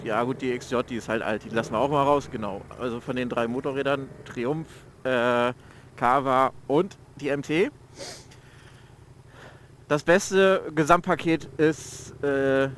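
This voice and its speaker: A man's voice: mid-range voice, fairly even intonation, a little slow, a bit bright. Young man talking inside a helmet, engine noise. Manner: slangy, loose, searching for words. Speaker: motovlogger reviewing his motorcycle. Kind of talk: casual rambling vlog commentary while riding. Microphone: mic inside motorcycle helmet. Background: motorcycle engine and outdoor traffic noise.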